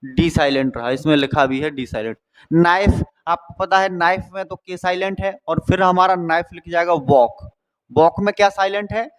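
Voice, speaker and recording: A man's voice: fairly high pitch, moderate pace, smooth. A man from India teaching a lesson, explaining step by step and asking and answering his own questions. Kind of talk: classroom lesson.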